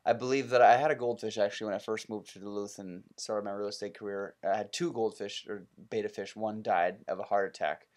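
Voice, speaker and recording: A young man hosts a relaxed podcast chat and keeps it light with joking, teasing remarks. He tells stories at an easy conversational pace. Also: on the low side, a little fast, hardly any pauses. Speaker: podcast host. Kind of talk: casual chat.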